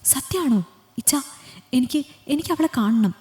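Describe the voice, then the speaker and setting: A woman's voice: a little high, expressive, normal speed, darkish tone, natural voice. A woman voicing a lovesick young male doctor, asking pleading, breathless questions. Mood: distraught. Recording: long hall reverb.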